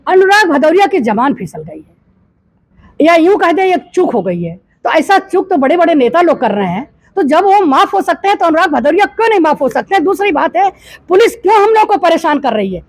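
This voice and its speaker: Older woman, high voice, dry sound, firing off indignant questions in a news interview. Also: big pitch swings, brisk, no room sound. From Gorakhpur, eastern Uttar Pradesh, India. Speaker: interviewee, politician.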